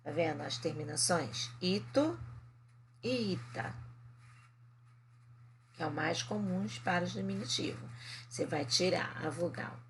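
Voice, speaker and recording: Slow, low-voiced Brazilian teacher explaining. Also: female voice, creaky, slight background noise. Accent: Brazilian Portuguese. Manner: slow explaining with frequent "né?" and "tá?" check-ins. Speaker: Spanish teacher. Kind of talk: recorded remote class lesson.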